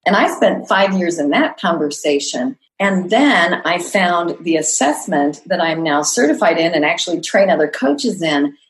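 A woman's voice: fairly low pitch, animated, normal speed, hardly any pauses, low-quality recording. A middle-aged woman, an executive coach, answering interview questions in an earnest, reflective way.

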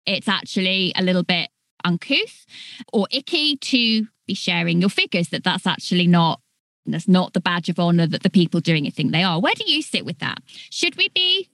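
A woman's voice: medium pitch, a bit bright, no room sound. A woman hosting a podcast, thinking aloud in long, winding questions to her guest. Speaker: podcast host. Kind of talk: conversational interview.

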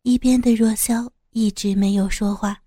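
Mellow woman narrating a story. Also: a little high, slightly rough, no echo, studio quality. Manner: even, measured storytelling. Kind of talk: audiobook narration.

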